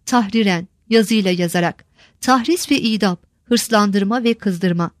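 A woman reading out a glossary of old words and their meanings in a measured, list-like way, lifting her pitch on each headword. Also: no echo, clean studio sound.

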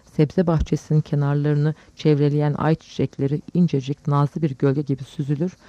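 A man calmly reading literary prose aloud as an audiobook narrator, in a measured way. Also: a little high, dry recording. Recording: dull lo-fi dry recording.

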